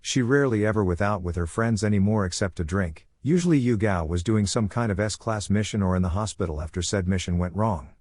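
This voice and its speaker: A man reading a fan-written story aloud in a steady, even narration. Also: fairly low pitch, brisk, hardly any pauses.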